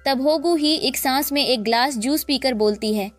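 A woman narrating a drama recap in a lively storytelling way, acting out the quoted lines. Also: high-pitched, moderate pace, soft background music.

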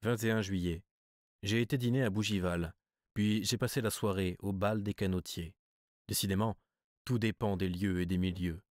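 A man reading a literary story as an audiobook narrator, measured and even. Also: lowish voice, no room sound, clean studio sound. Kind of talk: scripted narration.

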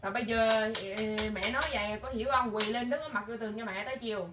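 Stern high-voiced mother, echoey room. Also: fairly even intonation, quick pace. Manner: stern, firing repeated questions. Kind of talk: scolding a child at home. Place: room at home. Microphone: camera held by someone else some distance away. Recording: echoey room from a distance, faint hiss.

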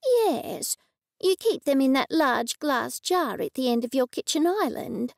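A woman voicing an excitable, fussing female friend in a high, shrill, fretting voice. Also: unhurried, vocal fry, dry recording, studio quality, heavily acted. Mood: fretful.

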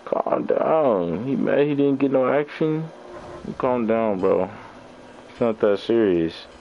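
A man's voice: mid-range voice, animated, takes it slowly, muffled recording, slight background noise. A man commentating his live gameplay, trash-talking opponents in loose, profane slang. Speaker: game streamer.

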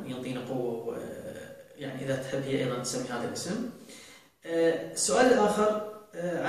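A man, answering viewer questions on a show, talking slowly with many drawn-out fillers and restarts. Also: a little high. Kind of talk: casual talk show monologue. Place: indoor studio set at a desk. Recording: very roomy, from far off the mic.

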